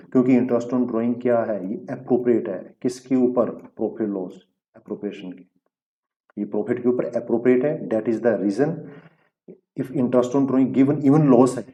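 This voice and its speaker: A man's voice: on the low side, warm tone, highs cut off. A man teaching an accountancy lesson, explaining rules step by step, asking checking questions and mixing English terms into his talk. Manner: mixes English terms into Hindi speech. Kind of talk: recorded classroom lesson.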